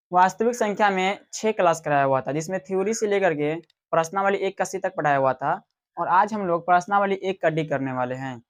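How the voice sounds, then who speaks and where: Slow-explaining Hindi maths teacher, man. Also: sits high. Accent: Bihari Hindi. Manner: slow, explanatory, asks questions and answers them himself. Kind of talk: classroom maths lecture.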